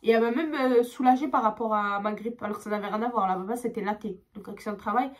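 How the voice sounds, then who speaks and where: A young woman telling a storytime vlog, tired, expressive and swearing as she acts out her dialogue. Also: mid-range voice, fast. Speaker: vlogger.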